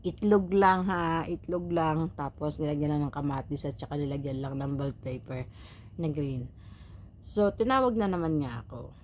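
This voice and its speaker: Low-voiced woman telling a story. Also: moderate pace, a little mellow, a little hiss or hum. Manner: chatty, advice-giving, rhetorical "right?" tags. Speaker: domestic helper vlogger. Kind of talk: casual storytelling to viewers.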